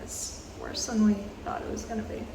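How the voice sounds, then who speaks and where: A vlogger in her twenties chats casually about her travels, speaking slowly and evenly with lots of pauses and filler words. She's recording indoors in a small tiled public bathroom, so there's a roomy echo and faint background noise.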